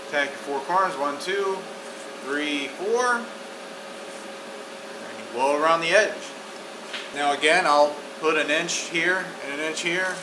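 A man in his thirties talks through welding steps in a plain, practical way. He is recorded by a camera a few feet away in a garage, so his voice bounces off the walls over a steady hum of air conditioning. His pitch sits at an ordinary middle level. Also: distant mic. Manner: practical, matter-of-fact explaining step by step. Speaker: welding instructor. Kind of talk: instructional demonstration. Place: home garage workshop. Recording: echoey garage from afar with fan hum.

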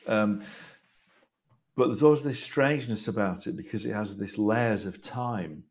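Deep-voiced man musing on a video call. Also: a little slow, a little mellow. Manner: thoughtful, rambling with restarts. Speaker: host, artist. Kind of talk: casual discussion on a video call.

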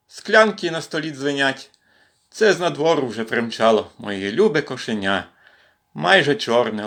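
A man from western Ukraine reading poems aloud in an expressive recitation during a home livestream. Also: on the high side. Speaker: poetry reader in a volunteer series. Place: at home with his cat.

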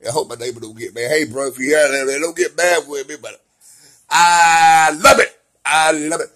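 A man talking to his camera about his recovery, swinging between soft, slow remarks and loud bursts of laughter. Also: a little high. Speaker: vlogger sharing his recovery. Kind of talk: casual personal vlog.

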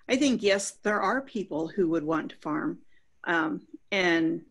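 An older woman speaks as a farmer on a webinar panel, earnest and unhurried, often restarting her sentences. Her voice is lowish and gravelly. She talks into a laptop webcam on a video call from home. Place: home room by a bright window.

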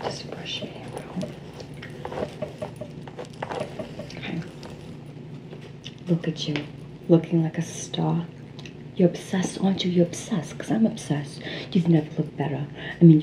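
Woman playing a gum-chewing Jersey saleswoman, whispered role-play. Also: low-pitched. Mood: gushing, persuasive. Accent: New Jersey. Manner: chewing gum, reassuring, flattering sales patter. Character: pushy flattering female Jersey salon sales associate. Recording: clearly noisy background.

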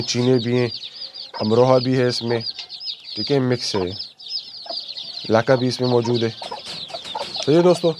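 A hoarse man chats casually as he shows off his poultry and coaxes the birds along. His voice sits at an ordinary pitch. He is recorded outdoors by the cages, with plenty of clucking and yard noise behind him. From Pakistan. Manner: chatty, talks to the birds, coaxing. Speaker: poultry breeder vlogger. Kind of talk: casual walkthrough vlog. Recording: noisy outdoor recording with chickens. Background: clucking chickens.

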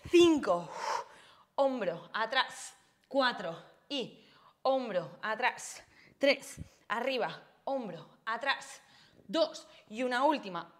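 A woman's voice: medium pitch, fairly bright tone. A young woman fitness instructor cueing a floor workout with counts, short puffs of breath, and out of breath as she exercises along.

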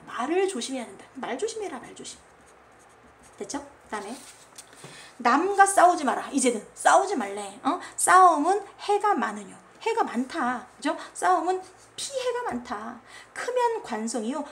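Young woman teacher, high animated voice, chatty lecture, keeps asking if u got it. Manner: chatty, keeps checking in with listeners; acts out the poet's commands in a scolding voice. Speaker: Korean literature teacher. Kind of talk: classroom lecture explaining a classical poem.

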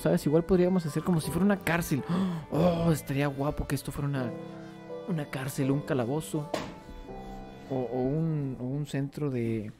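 A man with a Mexican accent casually commenting while playing a game, playful and rambling, often throwing questions to his viewers. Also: on the high side. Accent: Mexican Spanish. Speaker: gaming streamer.

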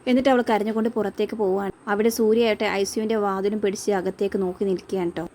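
A woman's voice: medium pitch, fairly even intonation, racing, a little mellow, a little hiss or hum. A woman casually narrating a recap of a TV serial in a chatty way, tagging her sentences with a friendly particle.

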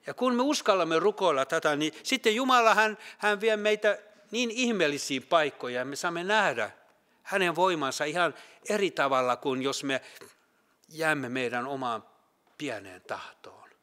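A man preaching a sermon in a Finland Swedish accent. He talks earnestly, rising to emphatic peaks and dropping to hushed quiet, with halting restarts. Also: on the high side, expressive. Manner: halting restarts with Finnish filler sounds.

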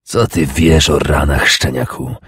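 A man voicing an old wounded Danish king who is scornful and bitter, with a rasping, contemptuous growl. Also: very deep voice, slow, a little mellow, no echo, studio quality, heavily acted.

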